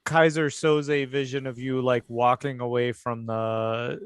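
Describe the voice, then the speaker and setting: A man's voice: mid-range voice, little pitch movement, a little slow, clear, resonant tone, dry recording, clean studio sound. A man running a tabletop role-playing game, narrating and asking questions in a casual chat. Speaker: game master.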